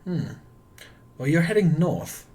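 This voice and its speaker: A wary male forest elf speaks in a dry, questioning way, pitched a little high, as a man puts him on during a tabletop game. His voice rises and falls a lot. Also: big pitch swings, slow pace, warm tone.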